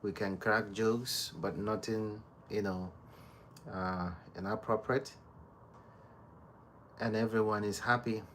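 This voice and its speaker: A man's voice: lowish voice, a little hiss or hum. A man hosting a casual livestream, reading viewer comments aloud and teasing them with frequent laughter. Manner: slow, relaxed talk with many fillers. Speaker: livestream host reading chat. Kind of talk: casual live chat.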